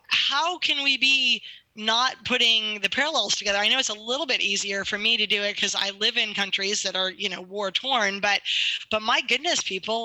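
A woman speaking as a guest attorney in an interview, talking in an emphatic, fervent, rapid-fire way. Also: a little high, pushed and bright, no room sound, low-quality recording. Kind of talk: impassioned interview talk.

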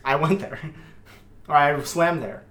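A man's voice: on the high side, takes it slowly, fairly bright tone. A young man co-hosting a podcast, chiming in with short jokey remarks in casual chat. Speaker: podcast co-host.

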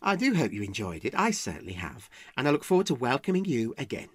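Woman interviewer, dry sarcastic delivery, lively intonation, dry close sound. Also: very deep voice, quick pace, husky, no room sound. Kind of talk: comedy sketch interview.

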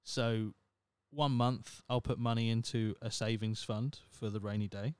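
Here the thirty-year-old podcast host sounds a bit slow and steady, his medium-pitched voice darkish and smooth. He keeps up his wry, self-mocking solo monologue, heavy on swearing, with no room sound in the recording.

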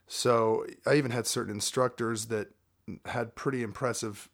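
A man's voice: medium pitch, fairly even intonation, moderate pace. A man hosting a casual conversation, chatty and digressive with frequent fillers.

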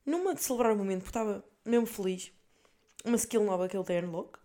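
A woman's voice: medium pitch, quick pace, warm tone. A woman in her twenties with a European Portuguese accent, hosting a podcast and telling stories in a chatty way, swearing freely and mixing in English words. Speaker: podcast host. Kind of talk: casual monologue, storytelling.

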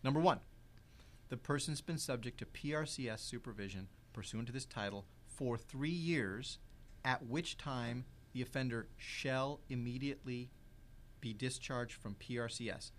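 A man explaining legal rules in an interview, measured and precise, stressing key words. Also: medium pitch, fairly bright tone. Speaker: legal expert guest.

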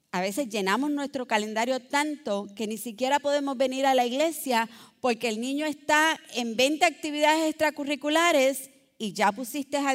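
A high-pitched woman delivers a sermon. She exhorts her listeners, one moment calling out loud, the next dropping to a soft, low aside. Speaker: preacher.

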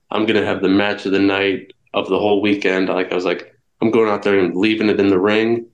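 Young male guest, low voice, candid and rambling, echoey room sound. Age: young adult. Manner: candid storytelling with many restarts. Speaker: guest wrestler. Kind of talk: casual interview.

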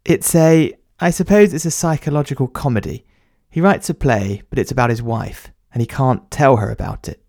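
A man's voice: mid-range voice, moderate pace, gravelly, darkish tone, dry recording, clean studio sound. A man telling a comic audio story, talking in a pompous, flustered and hesitant way as the writer. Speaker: podcast writer and narrator.

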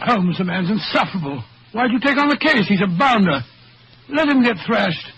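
A fussy, genial English doctor with a high, bright voice, blustering loyally through an old radio play. The recording is muffled with slight noise. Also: male voice, sing-song, brisk, heavily acted. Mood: indignant, loyal. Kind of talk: old-time radio drama acting.

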